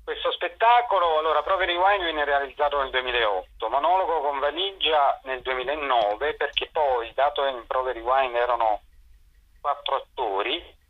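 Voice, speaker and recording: Heard through dull, lo-fi telephone-radio audio, a middle-aged man who directs and performs in theatre gives casual interview answers. His pitch is medium and his pace moderate, with hesitations as he searches for the right words.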